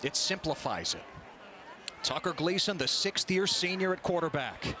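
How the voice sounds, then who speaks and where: A man's voice: on the high side, big pitch swings, moderate pace. A man calling live football play-by-play in a conversational, explanatory way. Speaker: play-by-play sports commentator. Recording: clear stadium background noise. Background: outdoor stadium ambience.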